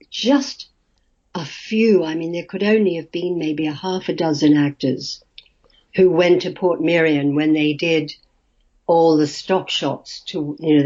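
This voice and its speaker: With a low, mellow voice, an older woman from Australia guests on a casual interview chat, an actress who tells stories in a chatty way and laughs easily. The audio is a muffled video-call recording.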